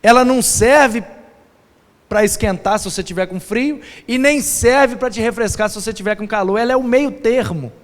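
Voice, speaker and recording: A man preaching a sermon as pastor, playful and animated, mimicking sounds and shouting for emphasis. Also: very high voice, moderate pace. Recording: long hall reverb.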